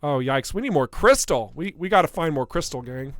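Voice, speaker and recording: A young man with a high, smooth voice chats through a live gameplay stream, playful and excitable and quick to laugh. He reacts to his viewers' comments as he plays. The sound is close and dry, with no room echo. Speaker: game developer streaming gameplay.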